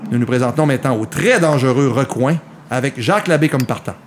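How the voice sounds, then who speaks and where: A man's voice: mid-range voice, lively intonation, a little fast, background noise. A man with a Quebec French accent giving live golf commentary on a mini-golf match, explaining the play to viewers.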